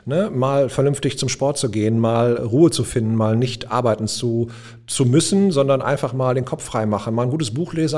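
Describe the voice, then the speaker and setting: A man's voice: mid-range voice, darkish tone. A middle-aged man, a de-escalation trainer, telling a personal anecdote in a colloquial, humorous podcast chat. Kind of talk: conversational podcast storytelling.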